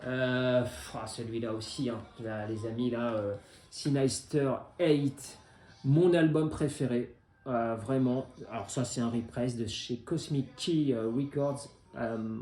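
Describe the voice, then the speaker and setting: A man in his forties talks casually about the records he collects. His voice is mellow and mid-pitched, and he hesitates often while staying enthusiastic. The room around him has a noticeable echo. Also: steady tone, measured pace. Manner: hesitant, many filler sounds, enthusiastic. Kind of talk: casual chat presenting vinyl records. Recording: roomy echo.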